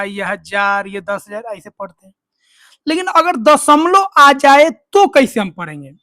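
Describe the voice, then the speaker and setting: A teacher walks through a tutorial in slow, dictated steps. The voice sits at a middling pitch and keeps quizzing the listener, then answering its own question. The recording sounds dry and close. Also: fairly bright tone, no echo. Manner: repetitive, quizzes listeners with call-and-response questions. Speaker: maths teacher. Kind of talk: online tutorial explanation.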